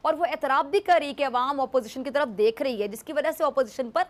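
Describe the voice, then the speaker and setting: A woman delivering scripted news commentary in a formal, measured way. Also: sits high.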